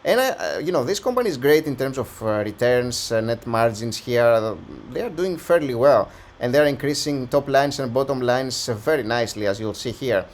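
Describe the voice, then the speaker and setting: Slightly hoarse man walking through stocks. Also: mid-range voice. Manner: conversational, thinking aloud with frequent restarts. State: slightly hoarse, losing his voice. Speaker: stock analysis channel host. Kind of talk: casual stock analysis walkthrough.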